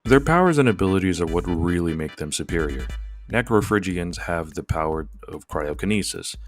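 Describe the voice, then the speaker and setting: A man with a very low, deep voice narrates a scripted video essay. He puts on a deliberately pompous, mocking delivery, with faint music playing underneath. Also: lively intonation.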